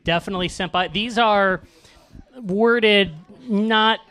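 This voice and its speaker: A man's voice: high-pitched, slow pace, pushed and bright, clear, resonant tone. A man hosting a live comedy roast on a club stage, joking with the crowd and reading emails in mock voices. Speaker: comedian host. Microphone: handheld mic.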